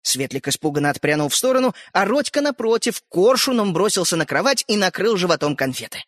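Man, children's story narrator, high voice, lively melody, dry close sound. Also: fairly quick, dry recording. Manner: expressive, animated storytelling.

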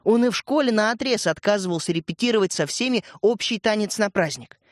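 A man reads a children's story aloud in a measured, expressive way. His voice sits fairly high, and the recording is dry and close with no room sound. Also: no room sound. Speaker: narrator. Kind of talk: scripted storybook narration.

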